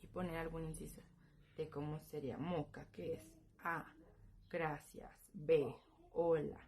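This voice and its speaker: A woman teaching a beginner language lesson. She explains slowly and repeats each word several times. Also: low-pitched, steady tone, a little mellow. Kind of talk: practice lesson presentation. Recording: noisy home recording.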